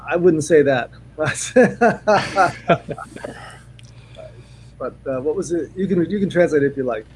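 Chatty guy being interviewed, voice a bit high, some noise behind him. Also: lively intonation, slow pace, low-quality recording. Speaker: interview guest, martial arts instructor. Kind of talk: casual conversational interview. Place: remote call from Japan. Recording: clear ambient background noise.

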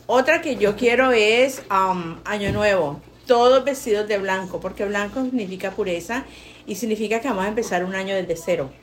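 A woman's voice: medium pitch, normal speed, a little hiss or hum. An older Colombian woman, a mother and grandmother, chatting with her family on a podcast and explaining traditions. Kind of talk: casual family chat.

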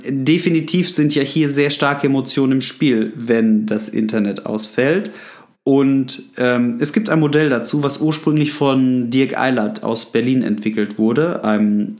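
A man hosting a solo podcast, speaking directly to the listener with advice, often pausing with fillers and restarting his sentences. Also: mid-range voice. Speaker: podcast host.

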